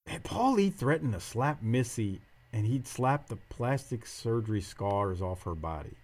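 Male podcast host, mid-pitched and lively, informal wrestling recap chat. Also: measured pace. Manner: slangy, informal. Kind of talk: casual match recap commentary.

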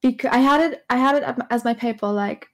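A woman's voice: fairly high pitch, quick pace. A woman streamer chatting casually and hesitantly, with many ums. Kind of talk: casual chat.

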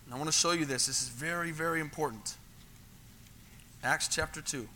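A middle-aged American pastor preaches a sermon in a high, very bright, forceful voice at a fairly quick pace, with slight background noise. His teaching style is chatty; he stumbles over repeated words and keeps asking the congregation whether they follow.

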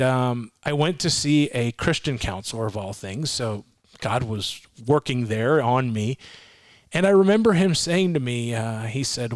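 A man's voice: medium pitch, no room sound. Middle-aged man telling his story, dry sound. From Massachusetts, raised in Florida. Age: 40s. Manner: earnest storytelling with restarts and self-quotes. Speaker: guest, ministry leader. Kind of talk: personal testimony in an interview. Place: a home.

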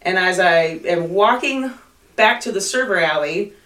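A woman's voice: fairly low pitch, unhurried. A woman co-hosting a casual podcast, telling stories from restaurant work and acting out the people in them. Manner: animated storyteller, acts out quotes loudly. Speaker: podcast co-host and server. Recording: roomy, distant from the mic.

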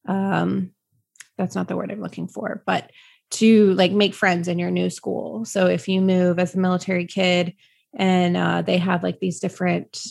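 A woman's voice: lowish voice, little pitch movement, normal speed, creaky, darkish tone. A young adult woman, a podcast guest, out of breath and talking casually with lots of fillers while she searches for words. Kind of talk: casual interview chat.

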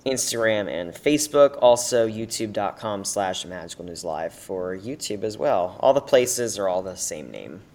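Guy guest on a podcast, kinda low voice, short polite replies. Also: animated, normal speed, few pauses, darkish tone. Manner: brief, polite answers. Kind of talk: casual interview chat.

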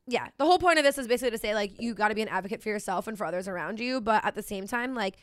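A woman's voice: medium pitch, very fast, no echo, studio quality. A woman in her twenties telling a story in casual chat, blunt and swearing freely, acting out what people said. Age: 20s.

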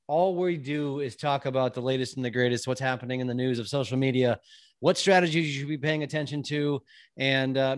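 A man's voice: mid-range voice, no echo. A man in his forties with a summer cold and a nasal, stuffed-up voice, chatting casually as a podcast co-host. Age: 40s.

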